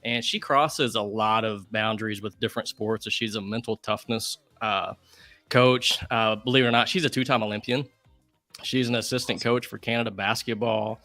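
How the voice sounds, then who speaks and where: An enthusiastic man on a podcast, his voice very bright and forward. He speaks into a podcast mic on a boom arm with a windscreen, and the sound is dry and close. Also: steady tone, normal speed, dry recording, faint music behind. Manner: enthusiastic, eager. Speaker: podcast co-host. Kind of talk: casual chat.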